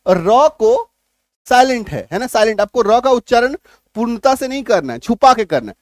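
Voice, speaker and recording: Guy teaching a lesson step by step, high-ish voice, dead dry sound. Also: very animated, normal speed, dry recording. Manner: explains step by step, keeps checking the listener understands. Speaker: English teacher. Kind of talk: spoken lesson.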